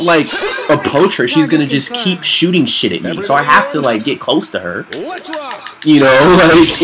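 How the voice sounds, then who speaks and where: A young man doing casual, profane game commentary with slangy frat-bro talk, excitable and whiny when he is losing. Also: fairly high pitch. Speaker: gamer doing a playthrough of a fighting game. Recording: loud game music behind. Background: loud game music.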